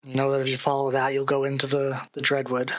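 A woman's voice: a bass voice, completely flat delivery, quick pace, dry recording, rough recording. A woman running a tabletop game as dungeon master, narrating casually with fillers.

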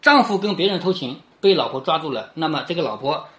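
A teacher talks through a chapter of a classic novel in a chatty, animated way, speaking fast in a mid-range voice. He keeps checking in with "right?" and lets his sentences trail off into quiet tags.

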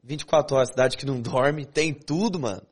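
A young man from Goiânia with a Goiás accent, telling stories in a slangy, animated casual chat. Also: medium pitch, fairly quick, slightly rough. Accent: Goiás Brazilian Portuguese. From Goiânia, Brazil.

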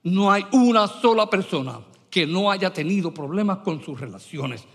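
A man preaching a lively sermon as pastor, mixing English words into his speech. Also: sits high, moderate pace, long reverb tail. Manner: animated, mixes English words into Spanish.

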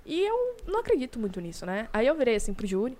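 A woman's voice: a little high, wildly swooping pitch, fast talker, warm tone. A young Brazilian woman, a law student guest on a podcast, chatting casually and acting out her own quoted lines as she tells a story. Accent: Brazilian Portuguese.

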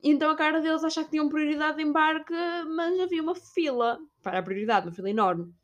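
A woman's voice: fast, muffled recording. A young woman with a European Portuguese accent, chatting casually about a trip and imitating people along the way. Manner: chatty, animated, imitates shouting staff in high voice. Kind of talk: casual storytelling vlog.

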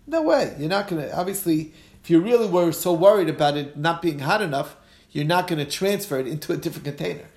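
A rabbi gives an informal lesson in an echoey room. His voice is fairly high for a man and quite creaky. He reads from a text, then explains it conversationally, asking questions and answering them. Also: animated, quick pace, darkish tone. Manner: conversational, asks and answers own questions, checks in with listeners. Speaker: rabbi teaching a Talmud class.

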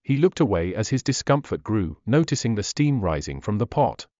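A man narrating a fantasy audiobook in a measured, expressive reading. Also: fairly low pitch, no echo. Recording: dull dry recording.

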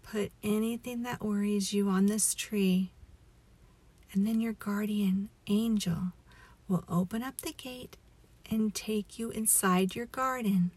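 A woman leading a guided relaxation meditation as a story, in a soothing, hushed, breathy voice that often nears a whisper. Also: mid-range voice, fairly even intonation, dry recording. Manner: slow, soothing, hushed delivery.

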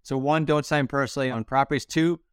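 A middle-aged man from Rhode Island answering interview questions as a guest, in a brisk, matter-of-fact way. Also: mid-range voice, fairly even intonation, clear, resonant tone, no room sound, clean studio sound. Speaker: guest, real estate investor.

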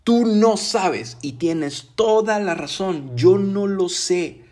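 A man preaching a casual sermon from his home, talking in a conversational, emphatic way and slowing down to stress key words. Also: sits high, a little mellow. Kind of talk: casual live-streamed sermon.

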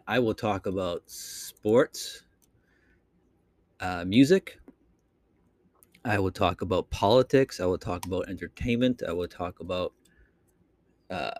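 Boston guy talking into his computer mic for his podcast, kinda low voice, dry sound, lots of uhs. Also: darkish tone, no room sound. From Boston, Massachusetts. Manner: rambling, hesitant, many fillers and restarts. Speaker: podcast host. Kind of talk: unscripted solo podcast monologue. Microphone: talking into a computer microphone.

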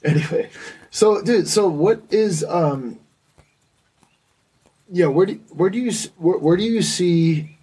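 A man's voice: high voice, slow, long pauses, dark tone, breathy edge, recorded from a distance. Casual slangy man, slightly off mic. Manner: slangy, informal. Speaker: interviewer, host. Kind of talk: casual chat.

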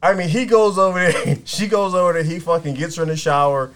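A man's voice: a little high, fairly even intonation, fast, fairly bright tone, a little hiss or hum. A man co-hosting a podcast, telling a story in casual, profane chat. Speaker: podcast co-host.

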